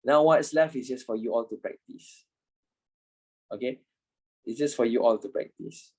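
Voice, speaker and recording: A man's voice: medium pitch, moderate pace, darkish tone, poor audio. A man in his twenties, a trading instructor talking informally in an online class, repeating himself and swearing casually. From Malaysia. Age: 20s.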